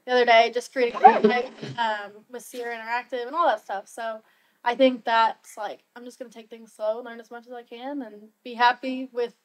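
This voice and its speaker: A woman's voice: on the high side, flat delivery, fairly quick, low-quality recording. Chatty upbeat young woman. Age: young adult. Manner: upbeat, chatty with many fillers. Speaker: new real estate agent. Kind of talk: casual interview chat.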